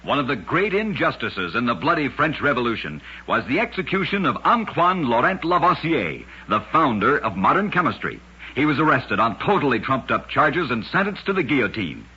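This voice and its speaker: This muffled vintage broadcast features a man of medium pitch reading scripted accounts of oddities. His delivery is harsh and powerful, and he leans into each line with theatrical storytelling emphasis.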